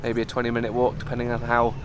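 A young man in his twenties, chatting in a relaxed, upbeat way as he vlogs outdoors with a camera held at arm's length. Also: mid-range voice, very fast, noisy background. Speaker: travel vlogger. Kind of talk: casual travel vlog. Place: outdoors in a park and jungle trail.

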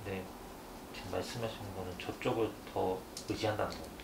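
A man with a gravelly, fry-laden voice talking as a client at a fortune-telling session. He gives short replies and speaks fast and animatedly when he explains. He sits away from the mic in an echoey room with clear background noise. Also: low-pitched, recorded from a distance. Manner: short answers, quick and lively when explaining.

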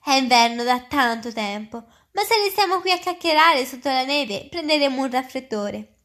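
A woman's voice: high voice, expressive, moderate pace, a bit bright. A fussy, courteous faun, read by a woman. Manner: courteous, eager, slightly flustered. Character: polite, fussy male faun, gentle and nervous. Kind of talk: reading aloud.

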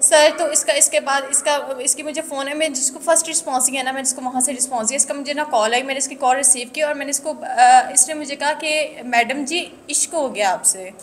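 A woman's voice: fairly quick, few pauses, a little hiss or hum. A woman, telling her story in an interview, anxious and repetitive with many restarts. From Pakistan. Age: 20s. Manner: high-pitched, earnest. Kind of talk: recounting harassment in an interview.

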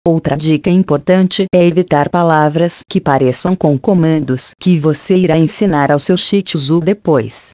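A woman reads a scripted narration for a pet channel. Her voice sits low and sounds mellow and warm. She keeps an even read-aloud pace through lists of names, in a dry, close recording. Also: moderate pace, few pauses, no room sound.

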